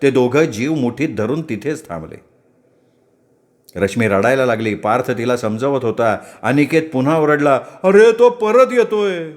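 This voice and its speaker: Man, storyteller, dramatic, vivid, mid-pitched voice. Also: normal speed. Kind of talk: Marathi story narration.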